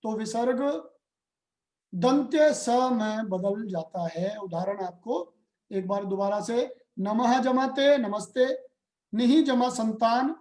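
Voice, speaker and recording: A man gives a grammar lesson at an unhurried, measured pace. He breaks each rule into small steps and asks his students questions as he goes. His voice carries a roomy echo. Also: high voice, darkish tone. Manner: slow, deliberate explaining with questions to students. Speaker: Hindi grammar teacher. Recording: roomy echoey room.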